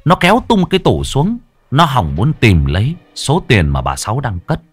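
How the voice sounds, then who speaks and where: A man narrating a dark story in a vivid, emphatic storytelling style. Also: medium pitch, wildly swooping pitch, normal speed, slightly rough, soft background music. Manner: vivid, emphatic, rising with the action. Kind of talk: dramatic horror-story narration.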